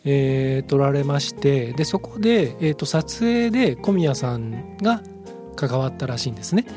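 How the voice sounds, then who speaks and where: A man co-hosting a casual podcast, talking in a relaxed, hesitant way with many fillers. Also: medium pitch, moderate pace, over music. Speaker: podcast co-host.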